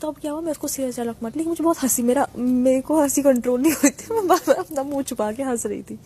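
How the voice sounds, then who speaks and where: A woman on a reality show telling a story in casual chat, animated and switching between Hindi and English, acting out quoted dialogue. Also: sits high, fast talker.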